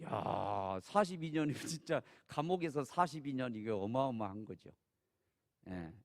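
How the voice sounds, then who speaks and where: A man preaching a sermon as pastor, talking conversationally to the congregation and rising from soft asides to loud, emphatic peaks. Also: mid-range voice, lively intonation, a little slow. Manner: conversational, asks the congregation "예?" for assent.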